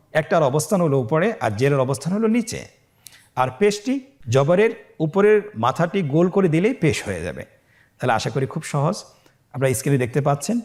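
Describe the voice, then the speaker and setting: A man teaching a Quran lesson, patient and encouraging, drawing out syllables slowly as he sounds out letters for learners to repeat. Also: mid-range voice, darkish tone. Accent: Bangladeshi Bengali. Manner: slow drawn-out syllables when sounding out letters. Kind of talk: step-by-step lesson, learners repeat after him. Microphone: facing the camera on screen.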